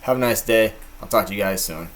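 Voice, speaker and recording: A man's voice: lowish voice, fairly quick, a little hiss or hum. A man from the Massachusetts North Shore hosting an informal history video from a living room, plain-spoken and chatty with viewers. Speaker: video host. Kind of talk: informal local-history narration and chat.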